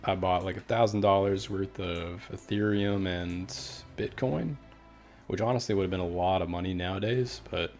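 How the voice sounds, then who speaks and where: A young Canadian man with a Canadian accent streams a game and chats with viewers in a laid-back way, reading chat aloud and using lots of fillers. His low voice is darkish and steady, at a moderate pace, with faint music in the background.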